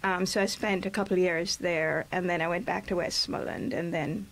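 A woman's voice: on the low side, fairly even intonation, a little fast, gravelly. An older woman from Jamaica with a Jamaican accent, speaking as a guest in a radio interview in a reflective, chatty way. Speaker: guest poet. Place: small radio studio, indoors. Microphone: studio microphone on a boom arm.

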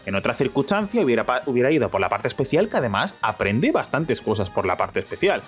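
A man's voice: medium pitch, big pitch swings, quick pace, faint music behind. A young man with a Spanish accent from Spain, giving jokey, self-mocking commentary over a game playthrough and talking to his viewers. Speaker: gaming YouTuber.

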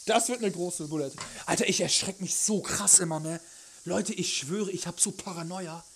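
A man's voice: sits high, normal speed, a little hiss or hum. Young man streaming, slangy and jokey. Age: young adult. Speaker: live streamer, cooking show host. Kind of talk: casual livestream chat while cooking, answering chat. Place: home kitchen, indoors. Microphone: headset.

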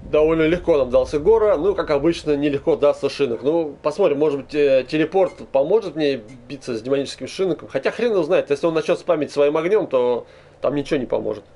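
A man's voice: fairly high pitch, expressive, fast talker, mellow. A man giving casual, colloquial commentary while he plays a video game. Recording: game noise behind the voice.

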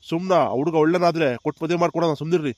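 Man playing a gentle old village grandpa. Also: on the high side, fairly even intonation, very fast, no room sound, lightly acted. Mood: reasoning. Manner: soothing, reasoning. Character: kind old village grandfather, calm peacemaker. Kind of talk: cartoon comedy voice acting.

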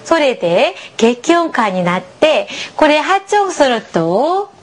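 In a lesson aimed at beginning learners, this teacher speaks in a high, lively voice. She stays patient and encouraging, giving slow, clear model pronunciation.

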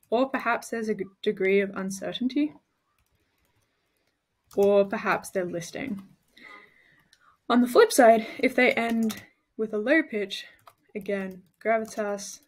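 A woman from Australia working as a tutor, giving an explanatory study-tips lesson in a clear, methodical way and showing emphasis with her own voice. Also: mid-range voice.

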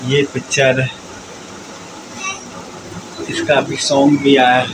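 A man's voice: mid-range voice, monotone, slow pace, noisy background. A man in his thirties narrating a casual family vlog from a restaurant and cafe, chatting to viewers and coaxing a child along. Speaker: vlogger. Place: restaurant and themed cafe, partly outdoors.

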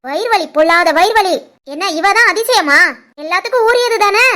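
A woman voicing a spiteful, taunting young sister-in-law in an animated family cartoon, with a Tirunelveli Tamil accent. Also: extremely high pitch, normal speed, heavily acted. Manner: taunting, accusing.

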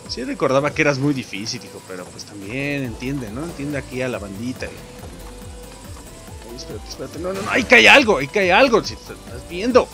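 A young man with a Mexican Spanish accent giving casual, excitable gameplay commentary, swearing and yelping at the game. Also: mid-range voice, a little fast, vocal fry. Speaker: gameplay streamer. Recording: game music in the background.

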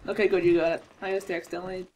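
A woman's voice: lowish voice, flat delivery, rapid-fire, darkish tone, slight background noise, poor audio. A woman co-hosting a let's play, chatting casually and laughing along as she plays. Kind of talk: casual gameplay chat.

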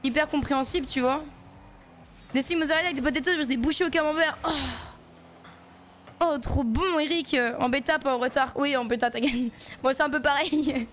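A woman's voice: sits high, normal speed, fairly bright tone, slight background noise. A woman streaming a game, chatting loosely with her viewers in slangy talk while she plays. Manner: chatty, slangy, talks to chat while playing. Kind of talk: casual gaming stream chat.

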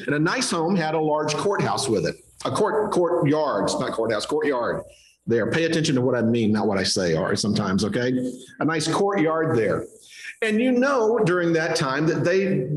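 Male pastor, sermon, lively storytelling, slightly high voice, echoey church. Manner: animated storytelling, acting out gestures.

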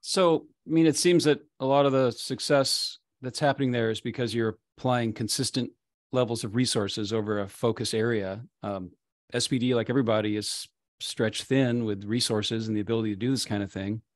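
A man's voice: mid-range voice, fairly even intonation, a little fast, no room sound, clean studio sound. A man moderating a virtual panel, introducing guests and asking direct questions.

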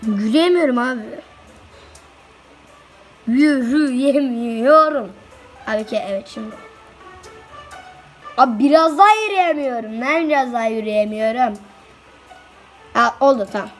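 A woman giving casual let's-play commentary, excitably chanting quick repeated commands at the game. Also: a little high, faint music behind. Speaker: gameplay video host.

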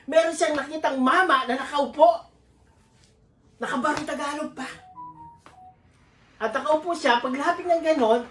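Woman, preacher, sermon, chatty storyteller, high voice, roomy echo. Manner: chatty storytelling, jokes with the congregation. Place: church.

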